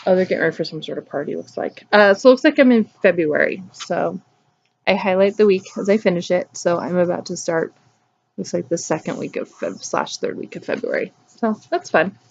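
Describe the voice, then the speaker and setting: This is a woman in her thirties vlogging about her stitching projects. She rambles cheerfully from one thing to the next with frequent ums, her voice sitting a little low. The sound is somewhat dull, like a plain home recording. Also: brisk, gravelly. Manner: rambling, upbeat, lots of ums. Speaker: flosstube vlogger. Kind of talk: casual chatty show-and-tell.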